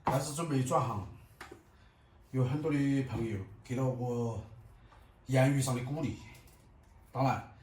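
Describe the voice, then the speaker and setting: A middle-aged man with a Southwestern Mandarin accent gives casual, personal vlog talk. His voice is medium in pitch and comes from a little way off the mic. The room echoes, with noise behind him. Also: measured pace, long pauses, a little mellow, distant mic. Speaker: vlogger.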